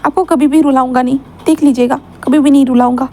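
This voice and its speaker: Woman voicing a gentle devoted young man, soft, reassuring, steady, calm. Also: very high voice, fairly quick. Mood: earnest.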